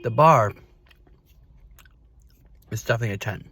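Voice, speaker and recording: A man hosting a casual taste-test review vlog, speaking to camera in short, halting phrases. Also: fairly low pitch, vocal fry, fairly bright tone, husky.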